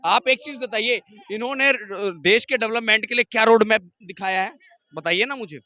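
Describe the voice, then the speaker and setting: A man's voice: high-pitched, normal speed, bright, forceful tone. A man in a political interview, arguing through rhetorical questions and repeating phrases for emphasis. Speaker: member of the public being interviewed.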